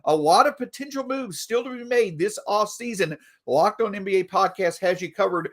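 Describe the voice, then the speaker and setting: A man hosting a solo sports podcast, talking through team news in an animated way, a bit stuffy from allergies. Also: high voice, moderate pace. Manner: animated, reads an ad mid-show. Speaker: podcast host.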